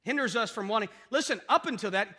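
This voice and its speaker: A man's voice: high voice, lively intonation, fast, bright, forceful tone, breathy edge, long reverb tail. A male pastor preaching a sermon emphatically, firing off rhetorical questions and repeating his points.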